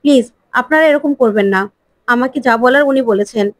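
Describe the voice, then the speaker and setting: A woman's voice: sits high, a little fast, no echo, lightly acted. A woman voicing an angry, curt middle-aged father in a retold serial. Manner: curt, commanding.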